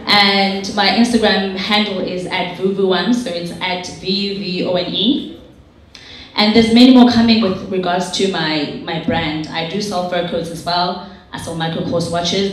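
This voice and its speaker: A woman informally introducing herself and pitching to an audience. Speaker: audience member, small business owner. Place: large echoey indoor venue. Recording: very echoey room, faint noise.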